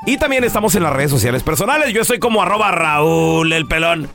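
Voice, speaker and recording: Lively mocking radio host. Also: male voice, a little high, a little fast, creaky, faint music behind. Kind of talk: joking banter, storytelling.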